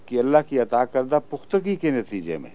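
A man's voice: medium pitch, sing-song, dark tone. A man giving a religious lecture, reciting verses and explaining their meaning. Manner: explanatory, recites Arabic verses then translates. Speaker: Quran commentator. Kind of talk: religious lecture on Quran exegesis.

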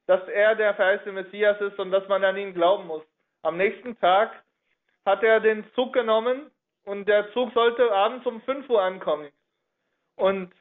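A man with a high voice tells a religious history story. He speaks haltingly and keeps reshaping his sentences partway through. The sound is narrow and tinny, like a phone line. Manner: halting, reworks sentences mid-flow.

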